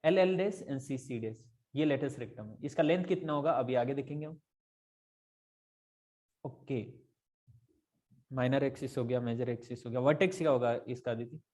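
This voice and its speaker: A male tutor talks through a math lesson casually, step by step, stopping often to check that his students are following. His voice is mellow and warm, with an ordinary middle pitch. He slips English math terms into his explanations. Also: moderate pace, pauses often.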